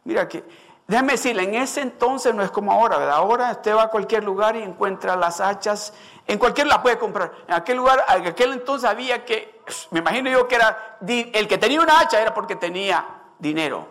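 A man's voice: high voice, expressive, fairly quick, fairly bright tone. A male pastor preaching an emphatic sermon, asking the congregation questions and acting out scripture.

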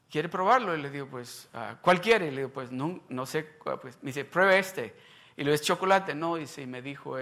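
Male preacher, bright, fairly high voice, animated storyteller voicing the people in his story. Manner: animated storyteller, acts out dialogue, bursts of loud emphasis. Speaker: pastor. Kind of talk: sermon storytelling.

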